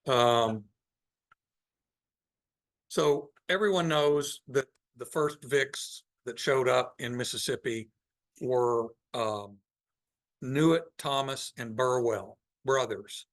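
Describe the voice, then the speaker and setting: Unhurried and even, this man walks a live audience through his slides in a meeting room at a very slow pace. His voice sits at an ordinary middle pitch. He thinks aloud, with frequent pauses between points, keeping the tone of an informal presentation.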